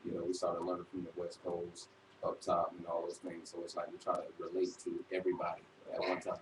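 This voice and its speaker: A man in his twenties from Florida, a rapper answering interview questions in a measured, thoughtful way. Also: low voice, monotone. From Florida, USA. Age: 20s. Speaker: rapper, guest. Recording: echoey room from far off, clear noise.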